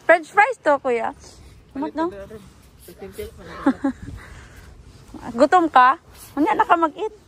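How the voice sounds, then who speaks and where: A woman's voice: high voice, lively intonation, drawn-out words, long pauses, fairly bright tone. A woman vlogging a family outing outdoors, chatty and coaxing her toddler as she talks. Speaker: family travel vlogger, mother. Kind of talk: casual vlog narration and talking to her child. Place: outdoors by the seaside.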